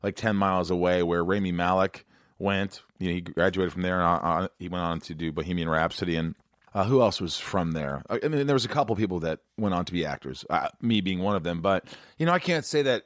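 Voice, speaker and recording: A man from Indiana, an actor interviewing a fellow actor in a quick, chatty, joking way. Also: sits low, no room sound, clean studio sound. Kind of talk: casual interview conversation.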